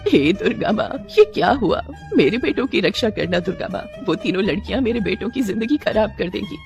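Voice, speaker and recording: A woman's voice: medium pitch, animated, normal speed, soft background music, lightly acted. A woman voicing a 70-year-old mother in a cartoon story, tearful and pleading as she prays. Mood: pleading prayer. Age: 70s. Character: grieving 70-year-old mother, jailed and devout.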